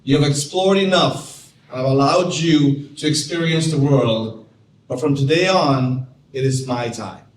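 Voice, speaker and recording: A man's voice: medium pitch, measured pace. Trinidadian man telling his story in an echoey hall. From Trinidad and Tobago. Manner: storytelling, animated when recalling wonder. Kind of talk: personal talk to teachers. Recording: echoey room from far off, faint noise.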